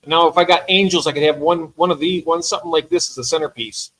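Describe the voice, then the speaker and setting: A man's voice: fairly high pitch, steady tone, fast, a bit bright, poor audio. A man hosting a casual livestream chat, enthusiastic and talkative, often trailing off mid-thought. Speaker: livestream host.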